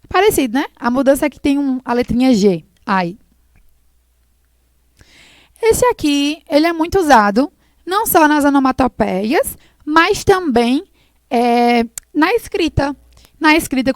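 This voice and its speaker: Woman teacher, kinda high voice, patient, repeats stuff slowly, dry close sound. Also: no echo. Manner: patient, explains slowly, repeats words for students. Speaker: English teacher. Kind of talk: recorded classroom lesson.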